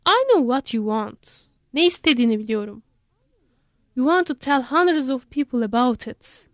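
A woman's voice: lively intonation, normal speed, no echo, studio quality. A woman voicing a fussy, talkative male monkey who keeps asking questions. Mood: curious. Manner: high, prodding questions.

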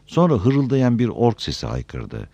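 A man reading a fantasy novel aloud as an expressive audiobook narrator. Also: medium pitch, slow pace, creaky, slightly rough, dry recording.

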